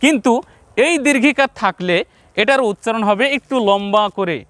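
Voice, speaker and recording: Male teacher with a Bangladeshi Bengali accent, high-pitched, dry close recording, patient and repetitive, talks straight to viewers. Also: expressive, fairly bright tone, clean tone, no room sound. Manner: repeats each point slowly, addresses viewers directly. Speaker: Quran teacher. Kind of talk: step-by-step reading lesson.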